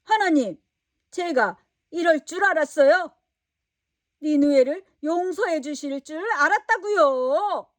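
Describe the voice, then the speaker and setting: A woman voicing a stubborn, quick-tempered prophet man who whines and complains in a storybook. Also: very high-pitched, steady tone, no room sound, pitched above the performer's own voice. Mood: indignant. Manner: whiny, complaining.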